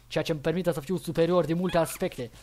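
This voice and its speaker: A young man with a high voice streams a game live, loudly cheering his own moves and jeering at opponents in quick, excitable bursts. His commentary is casual and full of exclamations, and a faint noise runs beneath it. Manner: loud, excitable, frequent exclamations and playful taunts. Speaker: gaming livestreamer.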